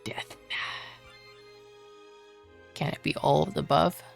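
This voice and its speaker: A morbid male cop with a flat, deadpan delivery, read aloud by a woman. The voice carries a gravelly crackle and stays grim and unimpressed. It sounds like a game character read off the screen. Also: low-pitched, slow pace, faint music behind, voice pushed down, full character voice. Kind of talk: reading game dialogue aloud.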